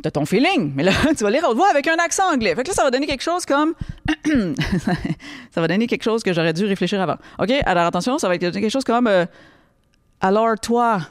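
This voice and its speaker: A woman's voice: fairly high pitch, big pitch swings, fast, no echo. Québécois woman as a friendly workshop guide, talking straight to the listener, dry recording. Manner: chatty, addresses the listener directly with frequent checks for understanding. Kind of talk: casual instructional talk.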